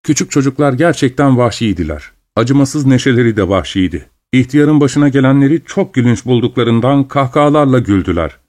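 A man narrates a novel aloud as an audiobook. His delivery is steady and even, with a mid-range pitch. He reads in a measured storytelling manner. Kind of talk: scripted narration.

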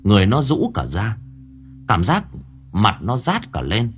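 A man's voice: measured pace, slight background noise. A man narrating a horror story dramatically. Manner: storytelling, dramatic, with lively pitch. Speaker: audiobook narrator.

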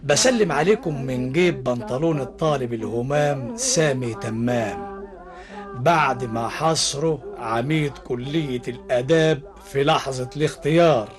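An actor with an Egyptian accent playing an anxious, chatty talking banknote, narrating a radio drama grandly like a café storyteller. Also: male voice, mid-range voice, natural voice.

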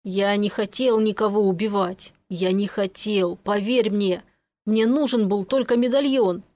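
A woman voicing a proud, lecturing man in an audiobook, slow and earnest. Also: medium pitch, fairly even intonation, a little mellow, no echo, lightly acted. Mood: pleading.

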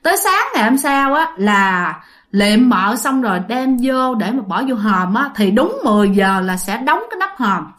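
A woman's voice: on the high side, big pitch swings, normal speed, a bit bright. A woman telling a ghost story in a chatty way, often turning to her listeners with fillers. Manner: chatty, addresses listeners directly, many fillers.

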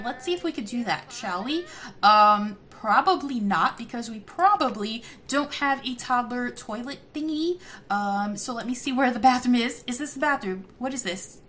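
A young woman chatting casually as she plays a life-simulation game, giggly and easily excited. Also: on the high side, normal speed, slight background noise. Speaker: gameplay commentator. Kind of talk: casual gameplay commentary.

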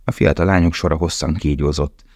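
A man reading a novel aloud in a calm, measured way. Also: very deep voice, dry recording, clean studio sound. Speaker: audiobook narrator. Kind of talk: scripted narration.

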